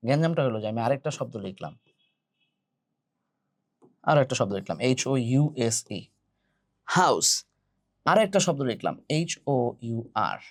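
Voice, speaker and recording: A man's voice: medium pitch, no echo, studio quality. A man teaching English grammar, explaining step by step and quizzing his students with questions. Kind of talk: classroom grammar lesson.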